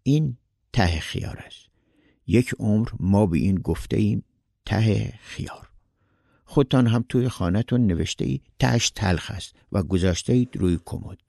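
A man's voice: fairly low pitch, lively intonation, creaky, dark tone, dry recording, studio quality. A man voicing a fussy, helpful male neighbor who asks solicitous questions. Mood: polite.

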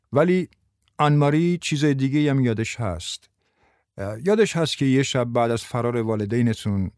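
A man voicing a patient male investigator in an audiobook, explaining things in a calm, measured way. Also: mid-range voice, dry recording, clean studio sound, close to an everyday voice. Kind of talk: audiobook character voice.

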